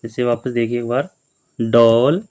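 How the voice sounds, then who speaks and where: A male teacher giving a slow, patient lesson on letters to young children, repeating each letter and word many times. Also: mid-range voice, fairly even intonation, mellow, muffled recording, slight background noise.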